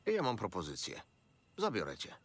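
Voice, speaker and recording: A deep, sarcastic mercenary. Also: male voice, huge pitch swings, normal speed, slightly rough, exaggerated voice. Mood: wry. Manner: blunt, sarcastic questions. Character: gruff male mercenary, skeptical and dry.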